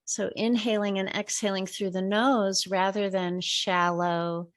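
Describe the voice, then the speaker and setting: A middle-aged woman leading a guided meditation, giving slow, gentle breathing and relaxation instructions. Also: medium pitch, flat delivery.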